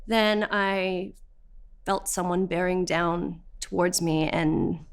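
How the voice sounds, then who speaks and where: A woman's voice: fairly low pitch, slow pace, clear, resonant tone. A feisty young woman of twenty-one. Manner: animated, vivid storytelling. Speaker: actor. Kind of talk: documentary theatre testimony.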